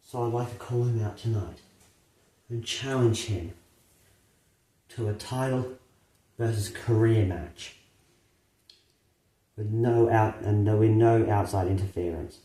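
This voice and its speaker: A man's voice: lowish voice, fairly even intonation, dark tone, close to an everyday voice. Man playing cocky wrestler cutting a promo, echoey room. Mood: taunting. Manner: cocky, taunting, halting delivery. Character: brash male wrestling champion calling out a rival.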